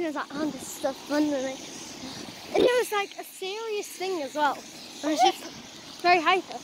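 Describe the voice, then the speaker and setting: Chatty high-voiced young girl vlogging. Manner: chatty and excitable, repeats "so basically, guys". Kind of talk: casual vlog chat. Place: outdoors on a street, walking. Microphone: handheld phone camera at arm's length. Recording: outdoor noise on a phone recording.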